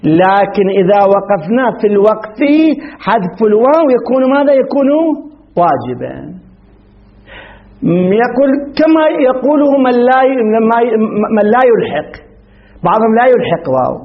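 High-voiced man teaching Arabic grammar. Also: big pitch swings, normal speed, highs cut off. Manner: asks rhetorical questions, repeats example words. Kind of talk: explaining a grammar text.

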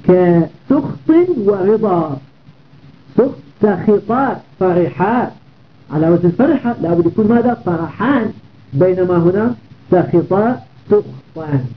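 High-voiced man teaching grammar over tinny audio. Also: expressive, measured pace, slight background noise. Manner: asks rhetorical questions, repeats word patterns. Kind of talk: classroom lecture on grammar.

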